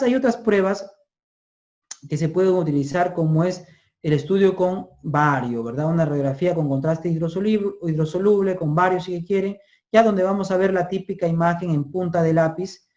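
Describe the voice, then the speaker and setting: A mellow voice of medium pitch delivers a recorded lecture for medical exam prep. The speaker keeps checking on his audience with tags like "ya?" and "ojo," and he hammers home key terms through repetition.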